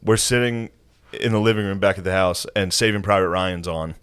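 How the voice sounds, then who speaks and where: A male comedian telling a story casually on a podcast, animated and breaking into laughter while swearing freely. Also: low-pitched, brisk, clear, resonant tone.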